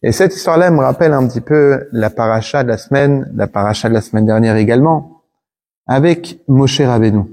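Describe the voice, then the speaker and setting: A rabbi, a man, talks through a Torah lesson in a warm, mellow voice at an ordinary pitch. He tells it casually and pauses to hunt for the right word. His tone is relaxed and unhurried. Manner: pauses and searches for words aloud; relaxed conversational telling.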